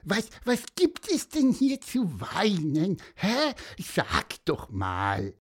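A man voicing a cheerful little male bird in a children's story, with a squeaky, chirping voice. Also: wildly swooping pitch, drawn-out words, breathy edge, exaggerated voice. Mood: curious.

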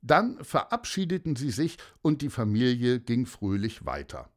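A man narrating a children's audiobook in a gentle storytelling manner. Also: mid-range voice, huge pitch swings, moderate pace.

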